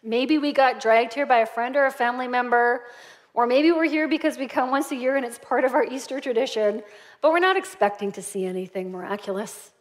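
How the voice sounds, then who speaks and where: A high-pitched woman delivering an Easter sermon as a pastor. She tells personal stories with lively shifts, dropping to a hush and then rising with energy. She is a middle-aged woman from Canada. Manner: storytelling, dynamic, shifts between soft and animated.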